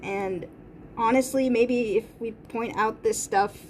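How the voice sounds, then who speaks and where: A woman's voice: a little high, steady tone, slow, a little hiss or hum, poor audio. A woman live-streaming from her room, chatting casually and thinking aloud with lots of fillers. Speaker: art streamer.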